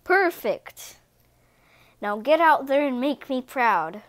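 A woman's voice: sits high, lively intonation, slow pace, no room sound. A woman voicing a bossy male police chief who gives commanding, scheming orders in a read-aloud storybook.

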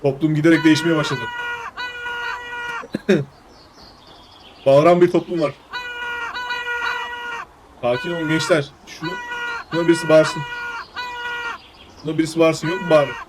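A man streaming a game, commenting casually with wry asides that turn loud and excited. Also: fairly high pitch, brisk, pauses often, background noise. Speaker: gameplay streamer. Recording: game music playing behind.

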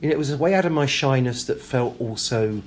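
A fast-talking British man with a medium-pitched voice chats in a casual interview as the guest. He's talkative and makes fun of himself, his speech hesitant with repeated words, with room ambience and clearly audible background noise.

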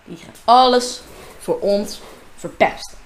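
A woman's voice: medium pitch, slow, roomy sound. A woman chatting casually to herself and her viewers as she plays a game at home, recorded on a desk microphone. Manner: chatty, talks to herself and viewers while playing. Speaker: gamer narrating her own gameplay. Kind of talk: casual gameplay commentary. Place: room at home.

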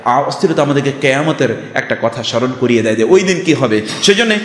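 A man's voice: mid-range voice, lively intonation, fast, a bit bright. An older man from Bangladesh giving a Friday sermon, emphatic, full of rhetorical questions and storytelling. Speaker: preacher. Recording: echoey hall reverb.

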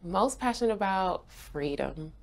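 Her voice mid-range, expressive, unhurried and gravelly, a young woman from Haiti who grew up in Florida answers interview questions as a guest brand ambassador. She's seated in an indoor studio, bubbly and laughing often.

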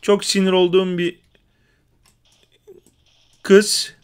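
Young man, high-pitched, smooth voice, excitable, joking, gameplay commentary. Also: takes it slowly. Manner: excitable, joking, shouts exclamations while playing. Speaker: gaming YouTuber.

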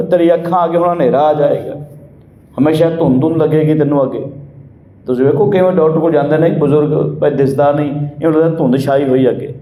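A Punjabi-accented man preaches a Sikh sermon, drawing out scripture verses in a slow, half-sung chant before explaining them in plain speech. His voice sits a little high yet sounds mellow. The room around him is echoey.

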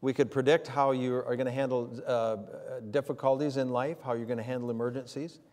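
An older man preaches a sermon in a folksy, storytelling style packed with fillers, his mid-range voice steady, slightly mellow, and a bit quick. He's in a church sanctuary, and the recording carries the long hall reverb of the church.

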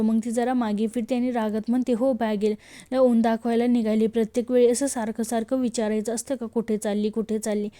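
A woman narrates a TV serial episode in a steady storytelling voice-over. She reads each character's lines without changing voice, with a fairly high, mellow tone. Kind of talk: voice-over episode recap, retelling dialogue.

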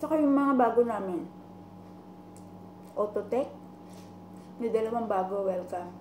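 A woman's voice: a little high, unhurried. A woman vlogger chatting casually while chewing her food during a meal. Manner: chatty, giving shoutouts between bites. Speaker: mukbang vlogger. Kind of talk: casual chat while eating. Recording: echoey room with clear noise.

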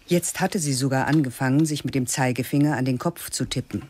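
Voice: medium pitch, brisk, slight background noise. Eine Erzählstimme trägt in ruhigem, literarischem Ton einen Hörspieltext vor. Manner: even, literary storytelling. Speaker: narrator. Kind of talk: scripted radio drama narration. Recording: narration over music.

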